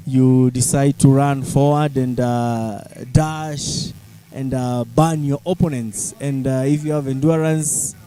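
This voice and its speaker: A man with a Kenyan accent hosting live sports commentary in a halting way, with many fillers. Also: mid-range voice, fairly even intonation, mellow, clear, resonant tone. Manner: halting, filler-heavy delivery. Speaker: sports event commentator and host.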